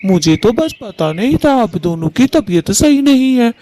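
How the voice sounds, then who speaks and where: He is a dutiful young son bird in a cartoon, voiced by a performer. He talks earnestly and pleads, with a voice raised a little above its usual pitch. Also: very animated, normal speed, mellow, a little hiss or hum, close to an everyday voice.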